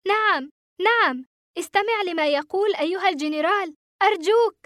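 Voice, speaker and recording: A woman voicing a frightened teenage boy held captive, pleading in high-strung outbursts. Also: a little fast, fairly bright tone, no room sound, studio quality. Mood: panicked pleading.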